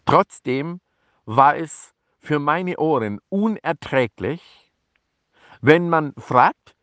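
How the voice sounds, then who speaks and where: Man, mid-pitched, slow and halting, formal press statement, lively intonation, dry close sound. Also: no room sound. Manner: halting, formal, bureaucratic phrasing with fillers. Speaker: advocate making a press statement. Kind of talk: improvised spoken statement to the press.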